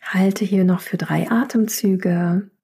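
A woman leading a guided chair yoga class, calmly cueing breaths and counting down each hold in a soft, often near-whispered voice. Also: lowish voice, slow, slightly rough. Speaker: yoga instructor.

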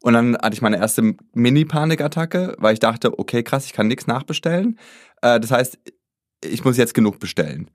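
Male co-host, casual storyteller, animated, mid-pitched voice, dry close recording. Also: normal speed, no echo. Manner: animated, acts out quoted dialogue. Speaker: podcast co-host.

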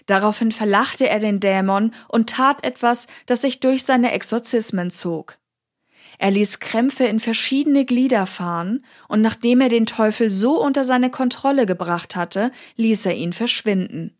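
A woman telling a historical account in calm, measured scripted narration. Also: a little high.

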